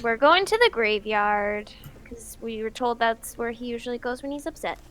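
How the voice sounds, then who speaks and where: A woman playing a tabletop game, chatting casually and reacting expressively. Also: on the high side. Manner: expressive, quick to frustration. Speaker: player.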